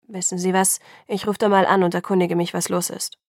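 A gruff middle-aged father on the phone, read by a woman, clipped and worried. His voice has a gravelly grain and sounds close and dry, with no room around it. He speaks in short, brisk sentences like a small-town police chief. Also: fairly low pitch, flat delivery, no room sound, close to an everyday voice.

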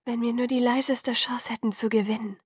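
A woman's voice: a little high, steady tone, a little fast, husky, no echo, clean studio sound, voice pushed up. A woman voicing an anxious young woman who speaks urgently and often drops to a whisper. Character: anxious young woman pleading in hushed tones.

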